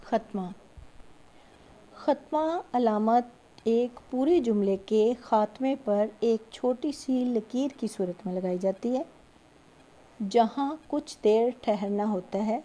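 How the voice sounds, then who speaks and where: A school teacher gives a recorded lecture to her students, patiently repeating key points and checking in often. Her voice sits on the high side and has a warm tone.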